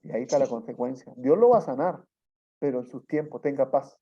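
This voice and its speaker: A man's voice: medium pitch, brisk. A man preaching a sermon, telling a testimony in a storytelling way and often adding tag questions. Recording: dull lo-fi sound.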